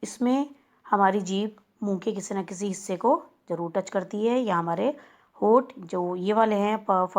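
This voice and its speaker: A woman teacher talks a class of young children through a lesson. She goes at a patient, explanatory pace and stops to sound out each example clearly. Her voice sits at a middle pitch. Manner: slow, explanatory, spelling out sounds. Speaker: school teacher.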